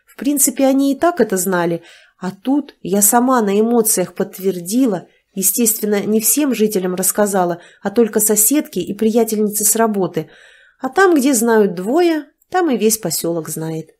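A woman reads a novel aloud in the first person. Her delivery stays even and measured, in a plain storytelling manner. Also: mid-range voice. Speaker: audiobook narrator. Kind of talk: first-person audiobook narration.

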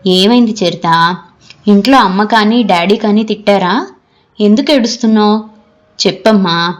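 A woman's voice: on the high side, moderate pace, lightly acted. A woman voicing a caring, middle-aged female college lecturer who speaks in a concerned, soothing way.

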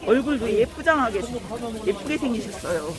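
A woman's voice: fairly high pitch, animated, normal speed. A middle-aged woman vlogging outdoors, chatting and muttering to herself while talking through a face mask. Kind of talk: casual vlog chat at a market. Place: outdoor market street.

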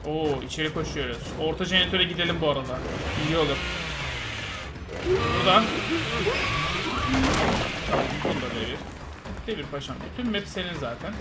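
A young man giving playful, casual commentary while playing a game, muttering one moment and shouting excitedly the next. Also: on the high side, brisk, long pauses. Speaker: gaming streamer. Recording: game music behind the voice.

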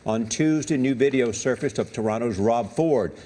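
Male anchor, scripted news read, brisk and even. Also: medium pitch.

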